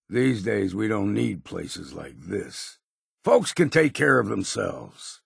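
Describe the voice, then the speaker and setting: A male actor playing a grizzled old hunter in a video game, folksy and wary, with gruff good humor and a gravelly voice. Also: on the low side, fairly bright tone, no echo, studio quality, heavily acted. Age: older. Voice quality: gravelly, husky. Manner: folksy, drawling old-timer phrasing. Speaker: video game companion character. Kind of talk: scripted game voice lines.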